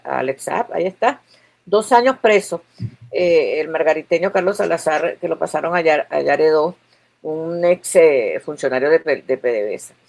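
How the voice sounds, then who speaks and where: Gravelly-voiced woman hosting a livestream. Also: fairly low pitch, a little mellow. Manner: chatty, relays news, hesitant fillers. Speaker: interview host. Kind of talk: live stream interview.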